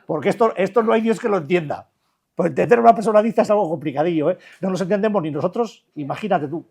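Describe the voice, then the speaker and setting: Older man, Basque Spanish accent, recovery-group speaker, blunt and colloquial, a bit high-pitched. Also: expressive, quick pace, vocal fry, a little mellow, husky. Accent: Spanish, Basque Country. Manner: colloquial and blunt, many restarts and rhetorical questions. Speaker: addiction recovery counselor. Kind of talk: informal talk to a recovery group.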